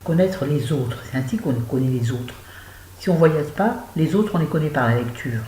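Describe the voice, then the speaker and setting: A woman's voice: sits low, animated, moderate pace, warm tone. Chatty older Frenchwoman in an echoey room. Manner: rambling, self-mocking, exclamatory. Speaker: book vlogger. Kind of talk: chatty home video. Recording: echoey room with faint hum.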